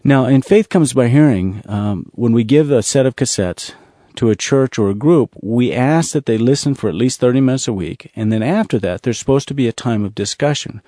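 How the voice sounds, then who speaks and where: A man telling a testimony from his mission travels, earnest and repetitive, slowing down to stress key words. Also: medium pitch, mellow, no echo, clean studio sound. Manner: earnest, repetitive storytelling with slow emphasis. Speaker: ministry speaker telling a mission story. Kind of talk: storytelling testimony.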